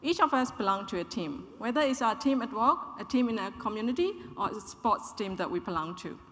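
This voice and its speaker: A woman from Burma, in her thirties, giving a measured, clear conference talk to an audience. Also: mid-range voice, lively intonation, a bit bright. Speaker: conference speaker. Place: conference hall. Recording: hall reverb, conference room.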